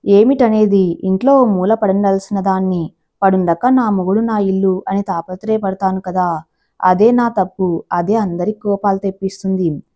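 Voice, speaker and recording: A woman's voice: mid-range voice, normal speed, dark tone, close to an everyday voice. A woman voicing an aggrieved middle-aged housewife who complains in a hurt, indignant way. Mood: bitter.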